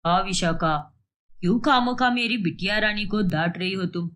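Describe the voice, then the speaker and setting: A woman voicing a calm, easygoing middle-aged father in an animated storybook. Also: normal speed, close to an everyday voice. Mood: mild. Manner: mild, lowered voice.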